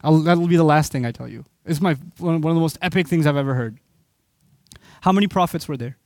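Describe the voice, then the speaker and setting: A man with a high voice preaching a fervent sermon, turning to the listeners with pointed questions. The sound is dry and close, with no room echo. He is originally from Pakistan. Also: quick pace, darkish tone. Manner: impassioned, asks the audience rhetorical questions. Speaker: Islamic preacher. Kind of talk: sermon lecture to an audience.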